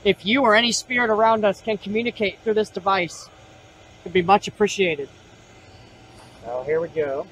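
A man hosting a paranormal investigation vlog outdoors, putting questions to spirits in a husky voice. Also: high voice, moderate pace, pauses often, fairly bright tone, a little hiss or hum, low-quality recording. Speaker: ghost-hunting vlog host. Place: outdoors in a cemetery at night.

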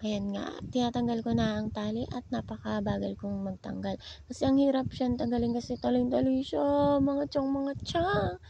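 Chatty gravelly-voiced woman vlogger. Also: a little high, steady tone, moderate pace, mellow, muffled recording, a little hiss or hum. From Bicol, Philippines. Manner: chatty, playful, self-mocking. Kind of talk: casual vlog voice-over narration.

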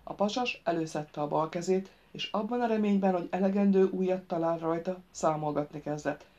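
A woman narrating an audiobook in an even, measured way. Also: on the low side, muffled recording. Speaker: audiobook reader.

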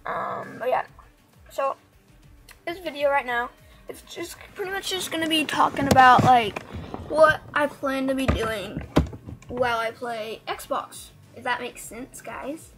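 A woman's voice: high-pitched, a little slow, over music. A woman giving casual, rambling gameplay commentary, her speech slurred by the braces she is wearing. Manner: rambling, hesitant. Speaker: gaming video creator.

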